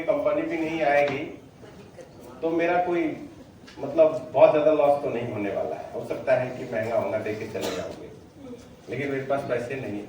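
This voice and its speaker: A man leading a motivational sales training on stage, energetic and drilling his audience to answer loudly. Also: mid-range voice, a little hiss or hum. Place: hall with a stage. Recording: very echoey hall, voice from far off.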